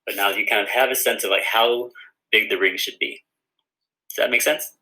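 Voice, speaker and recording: A man's voice: fairly low pitch, steady tone, normal speed, sharp tone, low-quality recording. A man who writes children's books, giving a friendly step-by-step craft tutorial for kids. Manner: friendly, guiding viewers through each step. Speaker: children's author teaching a craft.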